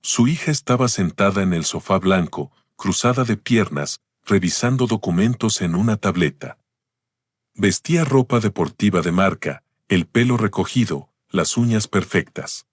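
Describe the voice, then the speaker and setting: A man narrating a scripted family drama story in a calm, measured way. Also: lowish voice, dry recording, studio quality.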